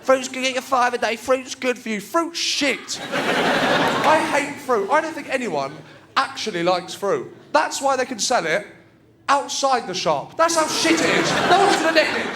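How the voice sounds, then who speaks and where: Over a noisy crowd, a young Englishman with a high, nasal voice rattles through a stand-up routine in fast deadpan style. He's performing for a live audience in a TV studio, and their laughter is loud.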